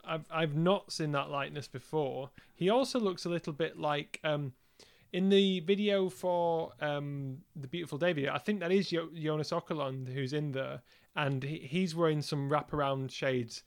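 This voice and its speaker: A man with a gravelly, fry-edged voice, pitched a little above the usual male range, chatting as a podcast co-host. He sounds dry and sardonic and gives blunt criticism. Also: moderate pace. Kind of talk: casual chat.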